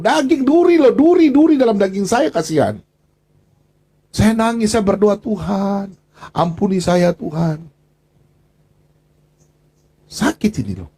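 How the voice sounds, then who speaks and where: A man with a high, lively voice pours out grievances on a livestream. He pleads and repeats himself, and his pitch swings widely as he goes. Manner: aggrieved, pleading, repetitive. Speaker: livestream host. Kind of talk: emotional livestream rant.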